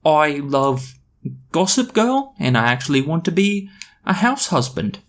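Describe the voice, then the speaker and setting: A smug teenage boyfriend from a comic storybook reading, voiced high and slow by a man. He sounds thoroughly apathetic, dragging every word out in a lazy drawl. The delivery stays flat and unbothered throughout. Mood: deadpan.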